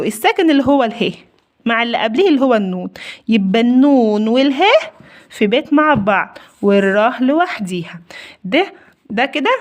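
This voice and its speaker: A woman with an Egyptian accent teaches a children's reading lesson in a somewhat high voice. She patiently asks questions and answers them herself. She stretches each word slowly as she sounds it out. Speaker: primary school teacher.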